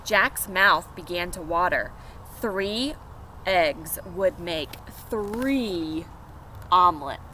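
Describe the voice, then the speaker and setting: Outdoors beside some pet chickens, a woman reads a picture book to small children, speaking expressively and breaking off to talk to them. Her voice sits fairly low, lively in tone but very slow, with a sharp edge. The noisy outdoor recording picks up city ambience.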